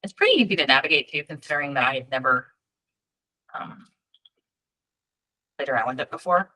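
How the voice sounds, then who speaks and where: A woman from a data team presents data tools at a virtual state EMS registry meeting, sharing her screen. Her low voice is expressive, bright and forceful, a little fast, and she keeps things chatty and informal with lots of ums and friendly asides, though the audio is poor.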